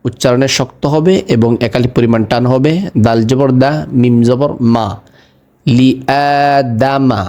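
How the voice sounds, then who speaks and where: A man teaching Quran reading, spelling each word slowly and patiently, letter by letter, then saying it whole. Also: mid-range voice, fairly even intonation, warm tone. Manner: chants the verse words in a drawn-out melodic recitation. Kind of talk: slow letter-by-letter recitation lesson.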